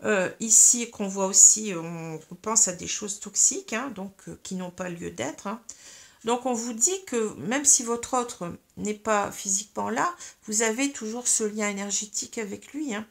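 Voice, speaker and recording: Hiccupping through a spiritual tarot reading for her viewers, a French-accented woman speaks in an unhurried, gravelly voice of medium pitch. Her delivery is hesitant, packed with fillers and tags such as "hein" and "vous voyez".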